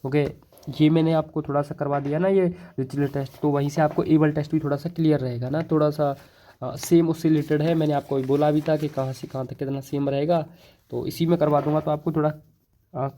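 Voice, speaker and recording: A man's voice: fairly high pitch, steady tone, fairly quick, dark tone. A man teaching a math lesson at the board in a casual, chatty way, with a North Indian accent, mixing English terms into his talk and often repeating little fillers. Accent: Hindi-English code-mixing, North Indian. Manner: chatty, repeats "thoda sa" and "theek hai", many fillers and restarts. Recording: dull, lo-fi mic.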